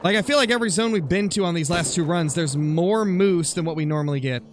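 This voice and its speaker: Soft music plays behind a live-streaming gamer who talks fast in a high-pitched voice. He answers viewers' comments casually during gameplay, thinking out loud as he goes.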